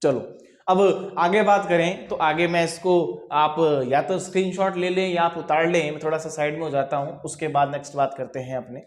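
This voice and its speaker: A man teaching as a coaching instructor in a classroom lecture, repeating key phrases slowly and asking and answering his own questions. He speaks terms. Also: fairly high pitch, steady tone. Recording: roomy echo.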